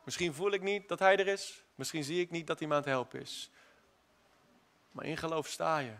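A man preaching a sermon, swinging from hushed, drawn-out phrases to loud emphatic declarations and slipping in the odd English phrase. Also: on the high side. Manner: slips in occasional English phrases.

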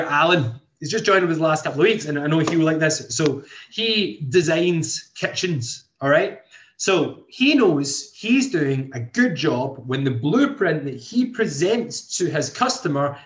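A man's voice: fairly high pitch, fairly bright tone. A man, hosting a motivational podcast in an earnest way, thinking aloud with many restarts. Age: 20s. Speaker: podcast host and coach. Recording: dull lo-fi sound.

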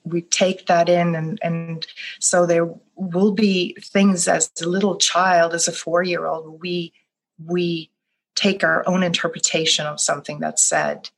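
On a rough recording, a middle-aged woman from Sweden with a lowish voice talks about her path as a life coach in a reflective interview answer. Swedish is her first language, and she's soft-spoken and thoughtful, frequently starting over.

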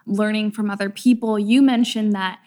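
A young woman from small-town Canada hosts a podcast interview. She sounds enthusiastic and chatty, using "like" often, with a mid-range pitch typical for a woman. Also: steady tone, moderate pace, warm tone. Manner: enthusiastic, chatty, says "like" a lot. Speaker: podcast host.

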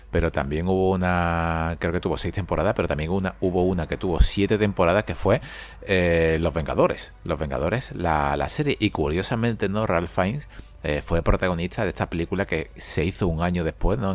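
Very deep-voiced podcast co-host. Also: male voice, no echo. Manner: relaxed, recalls details with many fillers. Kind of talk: casual film podcast chat.

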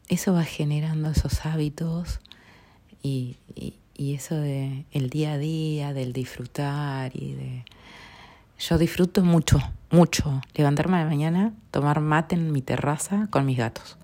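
Speaking at a measured pace, this podcast host is a middle-aged woman with a low, dark voice and a Rioplatense Spanish accent. She shares personal reflections earnestly, her voice frequently dropping almost to a whisper.

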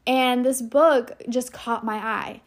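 A woman with a somewhat high voice tells her viewers a story in a casual vlog. She talks in a chatty, quick way, full of fillers and asides, and speaks to the audience directly. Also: steady tone. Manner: chatty, fast, with many "like" and "you know" fillers. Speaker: salon worker.

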